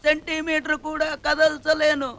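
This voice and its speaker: An actor playing a boastful comic rowdy in a film comedy who swaggers with shouts and then whimpers after a beating. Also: male voice, very high-pitched, monotone, normal speed, heavily acted. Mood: whimpering. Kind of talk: Telugu film comedy acting. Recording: loud film score behind the voice.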